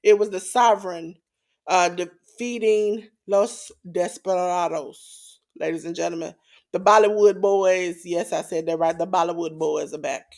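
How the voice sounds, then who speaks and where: A woman's voice: lowish voice, fairly even intonation, unhurried, a little mellow. A tired woman co-hosting a podcast, reading out wrestling results with showy announcer flourishes. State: sleepy. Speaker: podcast co-host.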